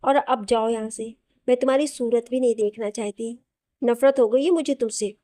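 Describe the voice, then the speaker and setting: Bitter hurt young wife voiced by a woman, cold reproachful tone, higher mellow voice. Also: steady tone, normal speed, no room sound, studio quality, close to an everyday voice.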